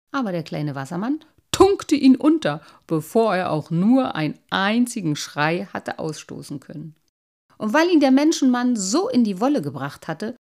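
A woman reading a children's story aloud in an expressive, animated way. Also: mid-range voice.

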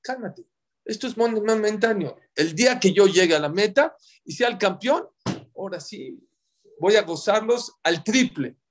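A man's voice: high voice, lively intonation, moderate pace, pitched above the performer's own voice. A preacher voicing an impatient marathon-obsessed man. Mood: dismissive. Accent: Mexican Spanish. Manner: dismissive, impatient. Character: obsessed male marathon runner, brushing everyone off.

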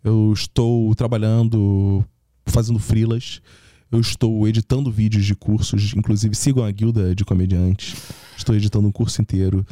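A man from Rio with a warm, relaxed, mellow tone. He co-hosts a casual podcast, piling up mock-dramatic complaints. The mic sound is close and dry. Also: lowish voice, normal speed, dry recording. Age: adult with a school-age son. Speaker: podcast co-host. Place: small podcast studio.

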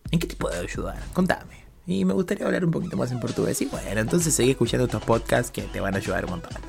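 A man's voice: mid-range voice, lively intonation, fast talker, vocal fry, faint music behind. Playful Rioplatense man teaching a lesson. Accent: Rioplatense Spanish. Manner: playful and jokey, mixing two languages. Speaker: language teacher and podcast host. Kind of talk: podcast language lesson.

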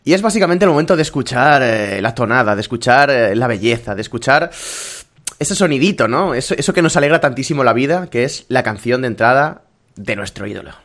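A man's voice: mid-range voice, expressive, a little fast, a bit bright. A young man from hosting a casual podcast, joking and rambling, laughing often. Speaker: podcast host.

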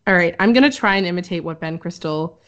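A woman's voice: fairly low pitch, quick pace, fairly bright tone. A woman co-hosting a podcast in casual chat, explaining at length with many "um"s. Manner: chatty, filler-heavy, explaining. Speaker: podcast co-host. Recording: dull lo-fi audio.

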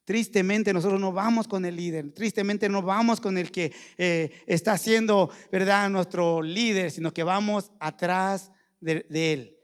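A man's voice: sits high, steady tone, measured pace. A man preaching a sermon in a small church, earnestly addressing the congregation and repeating "brother" over and over. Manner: repeats "hermano" constantly, folksy and earnest.

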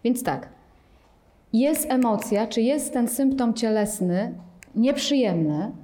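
A woman teaching a meditation workshop, her voice sitting a little high but with a soft, mellow color. She explains with lively energy and now and then slips into acted, anxious inner voices to make a point. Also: takes it slowly. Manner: animated, acts out panicked inner voices.

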